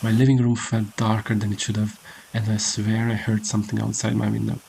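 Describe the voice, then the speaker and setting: A man reading a scripted horror story in the first person, with measured storytelling delivery. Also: on the low side, completely flat delivery, gravelly, a little mellow, slight background noise. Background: prominent music under the voice.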